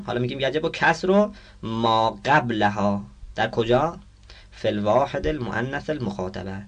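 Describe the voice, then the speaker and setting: Male teacher, lecture, reads text then explains, asks and answers his own questions. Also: fairly low pitch. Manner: asks the class questions and answers them himself. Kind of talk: lecture on Arabic grammar.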